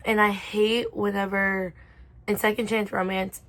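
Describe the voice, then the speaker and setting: A woman's voice: mid-range voice, little pitch movement, unhurried, a bit bright, low-quality recording. Young woman book vlogger rambling, lots of "like", kinda exasperated. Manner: chatty, lots of "like" fillers, exasperated. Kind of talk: casual chat.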